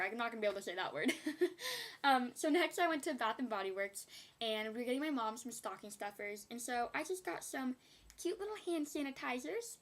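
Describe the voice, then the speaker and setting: A woman's voice: on the high side, a little hiss or hum. A young woman chatting casually in a beauty haul video, rambling with giggly asides. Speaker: beauty vlogger.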